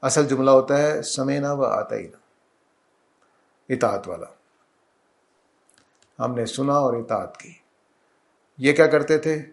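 A man giving a calm, explanatory Quran commentary lecture, slowing down to recite Arabic verses. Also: mid-range voice. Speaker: religious teacher.

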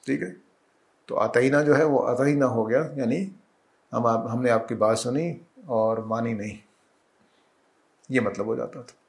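A man giving a calm, explanatory Quran commentary lecture, slowing down to recite Arabic verses. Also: mid-range voice, creaky. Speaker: religious teacher.

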